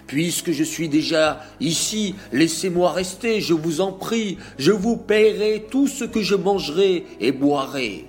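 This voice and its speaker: A man's voice: lively intonation, measured pace, few pauses, soft background music. A man voicing a humiliated guest who begs to stay in a trembling voice. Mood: pleading. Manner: pleading, trembling low voice. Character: humiliated adult man, pleading then vengeful.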